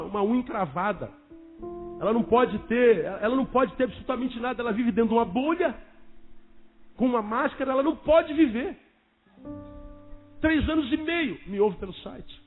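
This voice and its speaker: A pastor telling a story in a dramatic sermon, swinging from loud to hushed. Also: male voice, high voice. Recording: phone-like sound with faint music.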